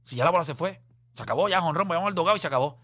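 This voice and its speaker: A young man hosting a sports podcast, arguing his point in an animated, emphatic way and stretching out his words for stress. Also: a little high, breathy edge, faint music behind. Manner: animated, argumentative, drawn-out emphatic phrasing. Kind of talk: casual sports debate.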